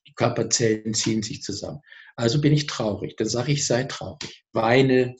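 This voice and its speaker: A man, a speaker on personal growth, explaining his ideas as a guest in a TV interview, lively and full of examples. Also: fairly low pitch, fairly quick, slight background noise.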